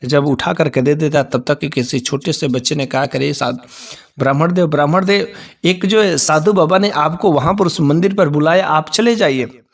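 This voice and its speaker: A man narrating a devotional story, acting out the characters' voices in animated fashion. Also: on the high side, moderate pace, recorded from a distance.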